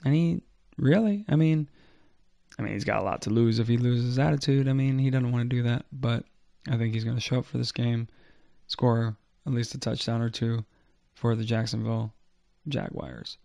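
A man's voice: medium pitch, normal speed, gravelly, warm tone, dry recording, studio quality. A man hosting a fantasy football podcast solo, with casual, slangy sports commentary. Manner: informal, slangy.

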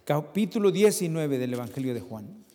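A male preacher reading scripture and questioning the congregation, moving between loud emphasis and quiet asides. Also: a little high, big pitch swings, normal speed. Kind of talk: sermon with Bible reading. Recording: long hall reverb.

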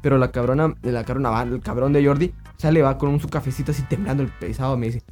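A man's voice: medium pitch, fairly even intonation, fast, darkish tone, soft background music. A man, co-hosting a podcast and telling stories crudely in casual chat, acting out what people said. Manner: crude, acts out quotes. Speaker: podcast co-host.

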